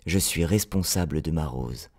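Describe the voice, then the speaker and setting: A man voicing a gentle, wondering little boy prince in an audiobook, speaking earnestly and tenderly. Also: a bass voice, normal speed, pitched below the performer's own voice.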